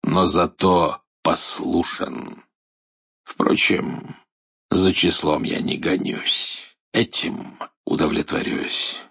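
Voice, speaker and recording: Man playing a slow, menacing dark lord. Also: deep voice, steady tone, husky, dull audio, heavily acted. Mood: cold, commanding. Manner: slow, sinister, threatening dark-lord delivery. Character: menacing dark lord idol, tyrannical son of darkness. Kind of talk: verse fairy-tale play reading.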